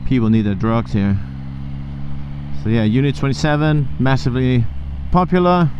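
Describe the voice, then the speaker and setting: A man's voice: medium pitch, moderate pace, highs cut off. A man from Denmark talking casually through a helmet mic while riding a motorcycle through city streets at night, rambling with many restarts. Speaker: motovlogger. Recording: wind and traffic noise from a moving motorbike.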